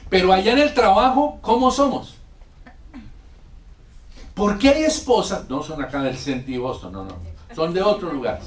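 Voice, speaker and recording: Male pastor, high voice, animated sermon with acted-out quotes, echoey hall, mic at a distance. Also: normal speed, long pauses. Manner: animated storytelling, acts out quotes and sound effects. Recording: echoey room, mic far off.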